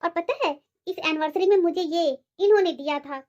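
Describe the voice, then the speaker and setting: A woman playing a spoiled, demanding married daughter who whines loudly in a comedy skit. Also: extremely high pitch, brisk, lo-fi sound. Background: background music.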